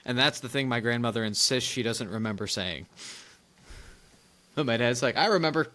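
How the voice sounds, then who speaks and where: Animated young man telling stories. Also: medium pitch, moderate pace. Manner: animated storyteller, laughs often, rambling restarts. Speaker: podcast co-host. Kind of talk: casual chat, storytelling.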